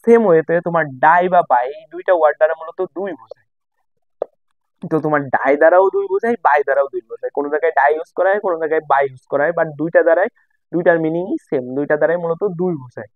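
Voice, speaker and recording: Quick-talking young tutor, tinny sound. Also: male voice, a little high, no room sound. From Bangladesh. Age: young adult. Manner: conversational, repeats and rephrases points. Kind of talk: casual lesson to students. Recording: tinny phone-like dry sound.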